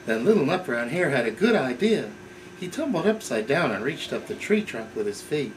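A middle-aged man reads a picture book at bedtime. His medium-pitched voice moves in a lively way, with clear room noise on a home camcorder recording. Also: moderate pace, poor audio. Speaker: parent reading to a baby. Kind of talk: bedtime storybook reading. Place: small living room, indoors. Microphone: camcorder a few feet away.

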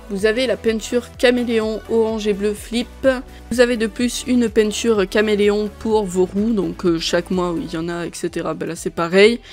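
A woman's voice: medium pitch, a little mellow. A woman presenting a casual gaming news rundown, listing items in a chatty way with frequent fillers. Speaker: gaming video creator.

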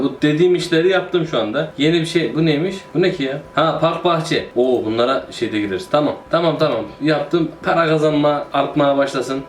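A man's voice: medium pitch, a little hiss or hum. A man giving casual, joking commentary while playing a city-building game and talking to himself. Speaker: gaming YouTuber. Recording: roomy echo.

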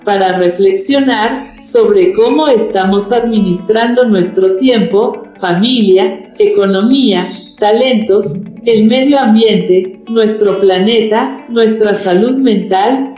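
A woman reads a scripted announcement slowly and calmly in a mellow voice. Her voice echoes in a room, with soft music underneath. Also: mid-range voice.

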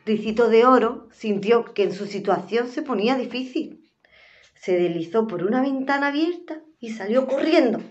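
A woman hosts a children's story hour, reading aloud with lively expression. Her voice is fairly high. The broadcast sound is dull and lo-fi. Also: normal speed. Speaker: storyteller host.

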